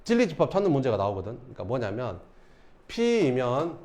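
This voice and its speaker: A male math teacher giving a casual classroom lecture, often pausing to check that students follow. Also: mid-range voice, huge pitch swings, darkish tone.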